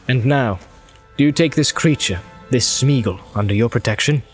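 Man reading as a grave noble captain, slow formal words, mid voice. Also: medium pitch, soft background music, close to an everyday voice. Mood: solemn. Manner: measured, formal and solemn. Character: grave noble male captain, stern and just. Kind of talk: audiobook character voice.

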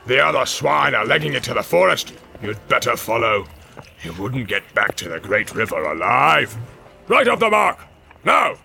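A man's voice: on the low side, lively intonation, moderate pace, gravelly, pushed and bright, exaggerated voice. A man voicing a brutal, bossy male orc captain who barks and mocks. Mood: commanding. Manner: barking, mocking, commanding.

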